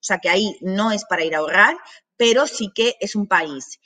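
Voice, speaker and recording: A woman's voice: medium pitch, normal speed, pushed and bright. A woman giving an informal presentation on working abroad, talking in loose restarts and often checking in with her listeners. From Spain. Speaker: presenter of a work abroad programme masterclass.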